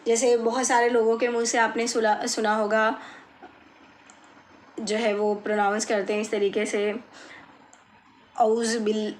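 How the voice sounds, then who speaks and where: A woman teaching children Arabic words, patiently explaining and repeating each word slowly. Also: fairly high pitch, level tone, a little hiss or hum. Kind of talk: slow explanatory lesson.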